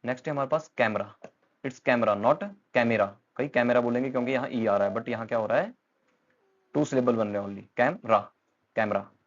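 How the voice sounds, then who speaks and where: A man's voice: medium pitch, a little fast, lo-fi sound. A man with an Indian accent teaching English pronunciation, talking patiently and repeating words with frequent fillers. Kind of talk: explanatory lesson in Hindi mixed with English.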